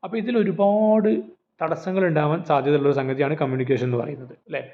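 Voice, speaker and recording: A man's voice: on the high side, steady tone, quick pace. A man teaching an exam-prep lecture, explaining with rhetorical questions and everyday examples. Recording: phone-like narrow audio.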